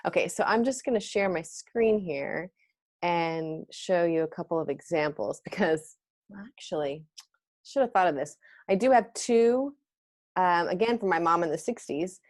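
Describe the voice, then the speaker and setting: A woman's voice: lowish voice, normal speed, darkish tone. A woman in her fifties hosting a casual video call about fashion, chatty and rambling, often trailing off mid-sentence. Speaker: host.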